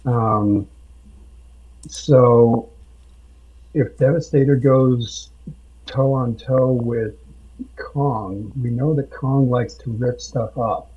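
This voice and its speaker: A man speaks slowly in a husky, dark voice, halting often as he recounts a tabletop game session. His audio is dull and lo-fi. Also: medium pitch, fairly even intonation. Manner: slow, halting with many fillers. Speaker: podcast guest, game master. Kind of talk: casual podcast storytelling. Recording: dull lo-fi sound.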